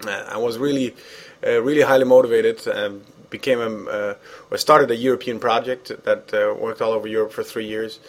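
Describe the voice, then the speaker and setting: This Danish-born man, a former president of an international organization, speaks English as a guest in a conversational interview. His voice sits on the low side with fairly even intonation and a moderate pace, and he hesitates a lot, full of fillers and restarts.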